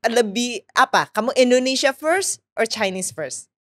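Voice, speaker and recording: A woman hosts an interview podcast in a relaxed, chatty way, sprinkling English phrases into her questions. Her voice sits a bit high. The recording is dry and close. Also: unhurried, no room sound. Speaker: podcast host. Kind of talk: casual interview chat.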